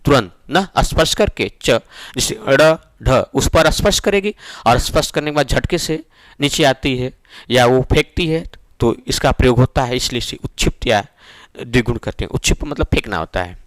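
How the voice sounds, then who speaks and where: Preparing students for an exam, a male teacher covers Hindi grammar step by step, frequently checking they're following with "ठीक है ना?". He has a medium-pitched voice with lively intonation, speaks at a moderate pace, and there's no echo.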